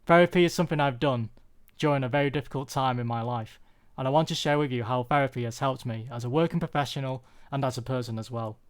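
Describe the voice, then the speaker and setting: A young British man giving a prepared personal talk, earnest and confessional, with deliberate phrasing. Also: mid-range voice, clean tone. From UK, born there.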